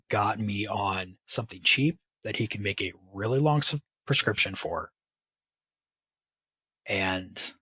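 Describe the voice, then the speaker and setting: Guy with a husky, bright voice, dry close sound, talks straight with sarcastic little jokes at himself. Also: lowish voice, no room sound, low-quality recording. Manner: self-deprecating, sarcastic asides. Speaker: podcast guest. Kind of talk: candid personal storytelling.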